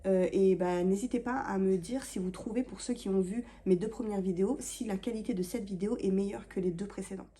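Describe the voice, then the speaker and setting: A woman chatting casually as a book vlogger, lively and full of fillers and playful asides. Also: medium pitch, brisk, few pauses.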